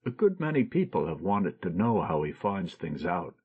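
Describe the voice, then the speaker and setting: A man's voice: sits low, big pitch swings, normal speed, slightly rough, phone-quality sound, full character voice. A man voicing a cheerful, teasing young friend in an audiobook. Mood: genial. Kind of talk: audiobook character reading.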